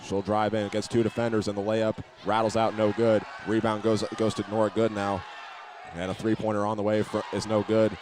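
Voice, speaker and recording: Noisy gym sound fills the background as a play-by-play announcer calls a basketball game. His voice is lowish with little pitch movement, fairly quick, and plainly factual, sometimes tripping over and repeating words.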